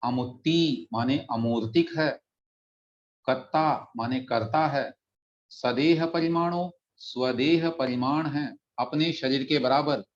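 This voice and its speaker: A man teaching a religious text in an online class, patiently explaining pronunciation and slowly chanting verses. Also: medium pitch. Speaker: scripture teacher. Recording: dull lo-fi audio.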